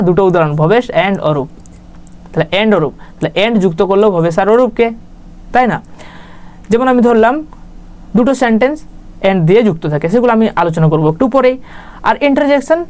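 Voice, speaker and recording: A woman gives a relaxed grammar lesson at a mid pitch. She keeps asking her listeners whether they are following. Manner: chatty, with repeated "right?" check-ins. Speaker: English grammar teacher. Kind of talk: casual spoken lesson.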